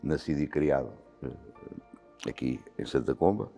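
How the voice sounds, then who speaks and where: Here the same sixty-something fire commander, accent European Portuguese, sounds rumbling low and a little slow, creaky and dark, yet lively in intonation. He responds to the interviewer with care and frequent hesitations, in a long reverberant hall with faint music.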